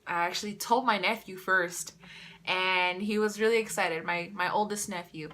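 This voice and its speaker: Bright-voiced young woman telling a story. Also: fairly low pitch, normal speed. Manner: animated, acts out quoted dialogue. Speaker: vlogger. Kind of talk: casual storytelling to camera.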